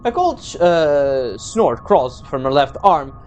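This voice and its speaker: A streamer of unclear gender commenting casually on a story game and reading its narration aloud, sometimes haltingly. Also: mid-range voice, big pitch swings, a little mellow. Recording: game music underneath.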